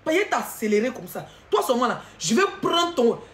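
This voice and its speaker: A woman with an Ivorian French accent delivering a heated, taunting rant to the camera, often breaking into shouts. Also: fairly high pitch, very animated, brisk, echoey room.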